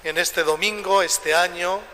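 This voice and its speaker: Priest guy preaching at mass, big cathedral echo, slow measured phrases w pauses, kinda high voice. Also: fairly even intonation, pushed and bright. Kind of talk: liturgical Gospel reading and homily. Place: large reverberant church, public address during Mass. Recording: echoing church with long reverb, background noise.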